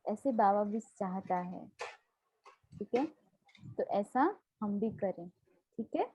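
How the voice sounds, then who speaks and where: A woman's voice: mid-range voice, animated, slow pace, mellow, a little hiss or hum. A woman spiritual teacher giving a devotional class, explaining with homely examples and asking her listeners questions.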